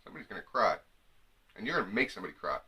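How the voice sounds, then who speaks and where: A man's voice: on the low side, rapid-fire. A young man giving comic advice straight to the camera. He jokes his way through, sometimes slipping into mock women's voices. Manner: animated, jokey, slips into mock women's voices. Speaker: comedy vlogger.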